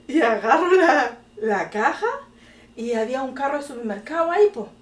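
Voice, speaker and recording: A middle-aged Chilean woman tells a story in a high, bright voice, bursting into laughter and exclamations along the way. She sounds a little distant from the mic, in an echoey room. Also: unhurried. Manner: animated, laughing often, exclamatory. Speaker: podcast host telling a story to her daughter. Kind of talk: casual storytelling chat.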